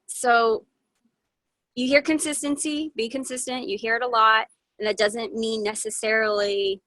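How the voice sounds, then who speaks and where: A woman's voice: on the high side, sharp tone, no room sound. A woman giving frank, earnest sales advice in a casual group call, with many fillers. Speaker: presenter sharing sales tips.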